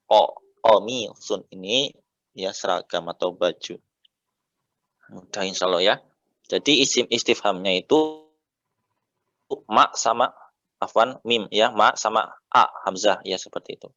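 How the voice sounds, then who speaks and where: An Indonesian man teaching Arabic patiently, often saying "ya" and drawing out the vowel endings slowly. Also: lowish voice, bright, forceful tone, dry recording, dull audio. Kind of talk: relaxed teaching.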